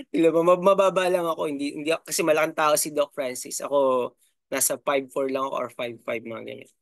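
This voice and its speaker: A man's voice: on the high side, fairly even intonation, normal speed, vocal fry, no echo, clean studio sound. A middle-aged man from the Philippines hosting a channel in casual commentary, chatty and full of fillers and tag questions. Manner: chatty, filler-heavy, frequent "no?" and "di ba?". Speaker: YouTube channel host.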